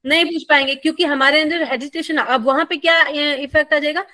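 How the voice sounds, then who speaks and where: A woman's voice: sits high, fairly even intonation, a little fast, sharp tone, dry recording. A woman teacher, giving a friendly, playful lecture and asking her students questions as she goes. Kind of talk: classroom lecture.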